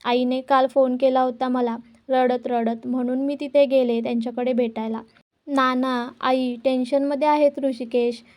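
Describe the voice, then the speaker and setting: A woman's voice: sits high, level tone, moderate pace, a little mellow, natural voice. A woman voicing a young wife who speaks firmly and earnestly for her family. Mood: firm pleading. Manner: firm and earnest. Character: firm, devoted young wife pleading for family.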